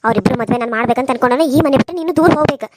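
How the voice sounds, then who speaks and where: A woman's voice: high voice, racing, slight background noise, voice pushed down, lightly acted. A woman doing a harsh North Karnataka mother-in-law. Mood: scolding. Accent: North Karnataka Kannada. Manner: scolding, contemptuous. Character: harsh scheming rich mother-in-law, middle-aged. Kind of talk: cartoon serial voice acting.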